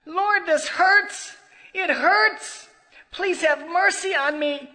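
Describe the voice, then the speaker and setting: A man voicing a tormented dying man who begs for mercy in shrill, pleading cries. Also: takes it slowly, pushed and bright, in a large hall, exaggerated voice. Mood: agonized pleading.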